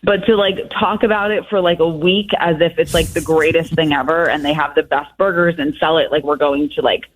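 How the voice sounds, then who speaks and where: A woman's voice: deep voice, steady tone, brisk, few pauses. A woman called by a radio show, talking frankly and chattily on speakerphone, a little sheepish. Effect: on speakerphone over a phone line. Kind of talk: casual phone chat. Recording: tinny phone line.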